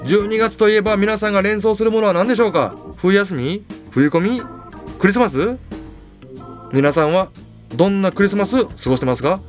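A young man with a Tosa accent hosts a radio show, his voice rising and falling in a lively, amused way. Soft music runs under his talk. His pitch sits a little above most men's. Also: brisk. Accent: Tosa dialect of Kochi. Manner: chatty, amused. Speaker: radio host.

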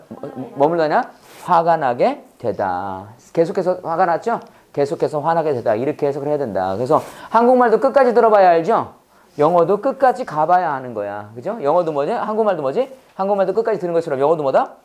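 Drilling a class through an English lesson, a man fires off repeated call-and-response questions and stretches out his pronunciation. His voice is a little high with a darkish tone.

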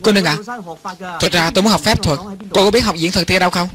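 A man reading every part of a film as a voice-over, in an even and lightly acted way. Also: high voice, fast, a crowd in the background. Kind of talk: lector voice-over reading all parts.

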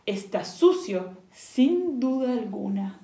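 A woman voicing a hungry, sly fox in a read-aloud storybook, slow and gloating. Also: fairly high pitch, expressive, dark tone. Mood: gruff. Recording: echoey room.

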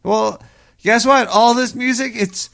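A performer with a creaky, fairly bright voice speaks a little slowly as a paranoid cartoon rat hosting a radio show, stuffy-nosed and taking calls and playing music. In this comedic radio chatter he rambles and stammers, his pitch swinging wildly.

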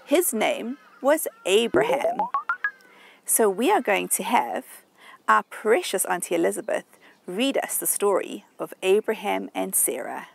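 A woman's voice: mid-range voice, sing-song, measured pace, creaky, a little hiss or hum. A woman in her thirties presenting to young children in an overbright kids' host manner, stressing words emphatically. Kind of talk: scripted talk to young children. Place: outdoors at a table in a garden.

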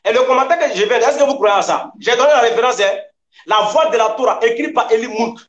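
A man's voice: extremely high pitch, quick pace, highs cut off. A man debating heatedly, combative and emphatic, hammering his points by repeating them. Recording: echoey room sound.

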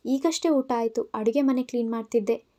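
A woman voicing a calm, kind young wife in an audio story, speaking softly and reassuringly. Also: a little high, fairly quick, natural voice. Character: calm, kind pregnant woman, mild and soothing.

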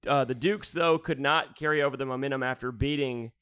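A man co-hosting a casual sports podcast, blunt and profane, telling animated stories. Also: mid-range voice, fairly quick, clean tone, no echo. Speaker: podcast co-host.

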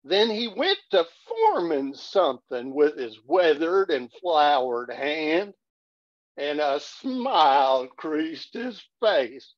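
A man's voice: fairly high pitch, very animated, takes it slowly. A man in his sixties with a folksy cowboy drawl, telling stories and reciting cowboy poetry on a video call. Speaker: cowboy poet and storyteller. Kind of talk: reciting humorous cowboy poetry to an online audience. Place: small curtained room at home, indoors. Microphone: video call, computer at arm's length. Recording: dull, echoey webcam audio.

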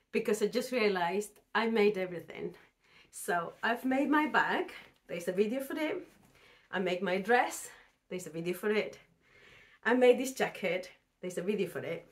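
A woman sewing vlogger, hoarse from a cold, chatting casually about her projects in a rambling way with fillers and restarts. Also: medium pitch. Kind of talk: casual chat.

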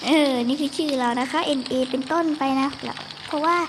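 A young girl with a high voice chats casually through a video game as its host. She exclaims often and speaks straight to her viewers. The recording has clear background noise. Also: a little fast. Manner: chatty, exclaiming, talks to viewers. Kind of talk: casual live game commentary.

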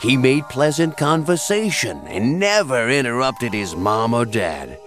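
A man narrating a children's cartoon story in a gentle, measured way. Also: mid-range voice, sing-song. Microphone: studio voice-over. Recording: music bed under the voice.

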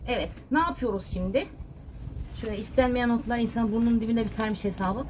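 A woman's voice: a little high, fast talker, a little mellow, a little hiss or hum. A woman vlogging casually as she cleans and gardens, chatting to her viewers, her pets and her plants. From Turkey. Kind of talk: casual chat while doing chores. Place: home and garden.

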